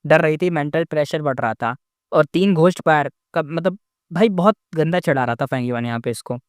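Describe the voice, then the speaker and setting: A man retells a novel's story in a chatty, casual way and keeps turning to talk straight to his listeners. His voice is high and smooth. It is recorded close on the mic, dry, with no room sound. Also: fairly quick, no echo.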